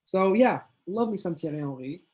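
A man's voice: high-pitched, animated, moderate pace, darkish tone, lo-fi sound. A man with a slightly raised voice co-hosts a casual football chat. He talks animatedly, drops slang and the odd swear, and often cuts in over his partner. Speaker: podcast co-host.

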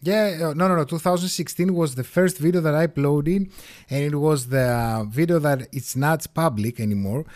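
A man in his thirties from Greece with a Greek accent, chatting animatedly as an interview guest and laughing often. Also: moderate pace. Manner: animated, laughs often, shifts pitch freely. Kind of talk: casual interview chat.

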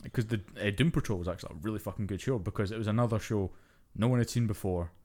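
Young guy on a podcast, lowish voice, swears a lot, rants away casually. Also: racing. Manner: profane, ranting, animated. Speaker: podcast co-host. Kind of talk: casual chat.

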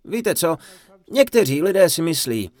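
A man giving a humorous dharma talk, telling a funny story in an animated, playful way. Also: a little high, no room sound. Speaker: Czech voice-over of a Buddhist teacher's talk.

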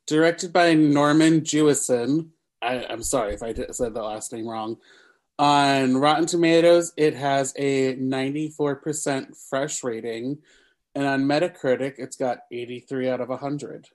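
A man's voice: mid-range voice, steady tone, a little slow. A man hosting a casual podcast chat, reading film facts and laughing off his slips over names. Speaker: podcast host.

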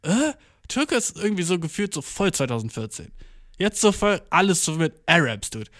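Young man, casual vlog monologue, slangy and sweary, English mixed in, slightly high voice. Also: big pitch swings, normal speed, fairly bright tone, no echo, clean studio sound. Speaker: vlogger.

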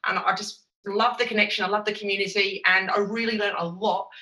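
Bright, forceful woman with an Essex accent. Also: medium pitch, fairly even intonation, fairly quick. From Essex, England. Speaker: podcast guest, chief executive. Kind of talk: enthusiastic interview conversation. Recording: roomy echo, distant from microphone.

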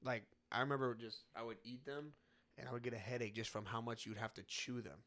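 A young man co-hosting a podcast in casual chat, jokey and quick to laugh. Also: mid-range voice, fairly even intonation, fairly bright tone. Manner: laughing, jokey, acts out silly quotes. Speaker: podcast co-host.

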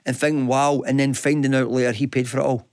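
A Scottish man co-hosts a business radio show at an ordinary male pitch. He talks casually, pausing and restarting often as he thinks. The studio sound is dry and close. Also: little pitch movement, clear, resonant tone, dry recording. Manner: conversational, hesitant, many restarts. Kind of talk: business talk radio chat. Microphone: studio microphone.

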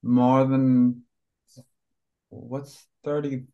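A man's voice: medium pitch, level tone, extremely slow, creaky, dull audio. A man in his thirties from Honduras, a tattoo artist chatting casually and rambling with lots of fillers. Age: 30s. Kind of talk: casual conversation.

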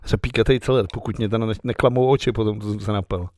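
A man's voice: on the low side, steady tone, darkish tone, no room sound, clean studio sound. A man co-hosting a podcast, bantering with jokes and frequent swearing. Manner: joking, swears often. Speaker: podcast co-host, journalist.

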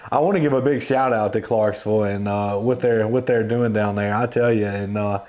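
A man's voice: on the low side, fairly even intonation, a little fast, a little mellow. A man chatting as a guest on a casual podcast, easygoing and full of ums and uhs. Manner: easygoing, many fillers.

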